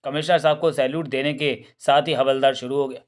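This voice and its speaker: A man narrating a comic book story in a lively, plain storytelling manner. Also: mid-range voice, a little fast, slight background noise.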